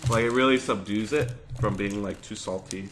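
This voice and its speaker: A man chatting casually as a mukbang host, musing out loud in a loose, tentative way. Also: lowish voice, normal speed, over music. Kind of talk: casual chat over a meal.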